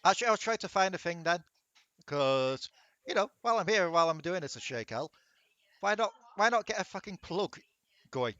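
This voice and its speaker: A man's voice: sits high, animated, a little fast, a bit bright, dry recording, muffled recording. Laughing man wrapping up a game. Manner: laughing, swearing, rambling. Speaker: dungeon master. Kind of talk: casual chat at end of a tabletop game session.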